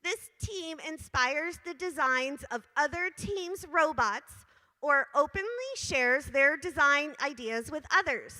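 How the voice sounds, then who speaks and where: A slightly hoarse woman with a high, bright voice presents awards in upbeat, stretched-out calls. She sounds like she is in a large indoor venue, and her voice rings with a long reverb from the hall. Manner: upbeat, drawn-out announcements to a crowd. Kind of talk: announcing awards at a tournament.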